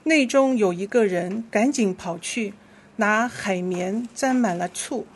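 Leading a church service, a worship leader reads scripture aloud verse by verse. Her mid-range voice is steady and clear, and she takes it slowly.

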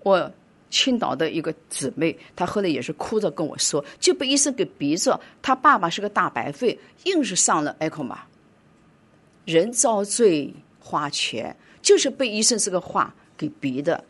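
A middle-aged woman preaching a sermon and telling a personal story, swinging between loud urging and quiet telling. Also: fairly low pitch, very animated, normal speed, slightly rough.

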